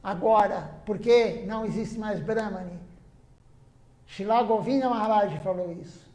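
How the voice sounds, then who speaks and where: A man's voice: sits high, unhurried, dark tone, echoey room. A man giving an earnest devotional sermon at a temple, stressing his points by repeating them. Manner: earnest, repetitive emphasis. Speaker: temple speaker. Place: temple hall.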